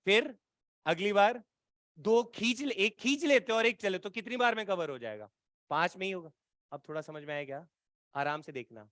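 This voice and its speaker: A man's voice: sits high, animated, moderate pace, fairly bright tone, no echo, clean studio sound. A man teaching an exam-prep physics lecture, coaxing and colloquial, often checking whether students follow. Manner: colloquial, playful teasing tone.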